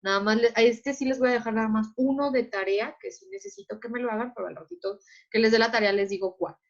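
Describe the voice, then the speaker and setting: A woman's voice: a little high, expressive, quick pace. A woman teacher, patiently explaining to her class and often checking that students follow. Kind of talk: online class lecture. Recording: muffled lo-fi audio.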